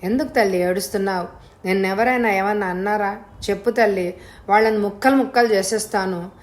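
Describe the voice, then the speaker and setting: Lady doing a sweet old dad in a storybook, soft and pleading. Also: medium pitch, steady tone, fairly quick, close to an everyday voice. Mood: tender. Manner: gentle, pleading, affectionate. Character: doting old rich father, tearful and tender.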